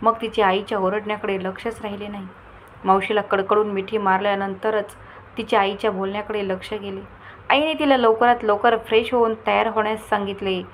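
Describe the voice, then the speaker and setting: A woman storyteller reading a scripted moral story aloud in a steady storytelling way. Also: medium pitch, brisk, slight background noise, poor audio.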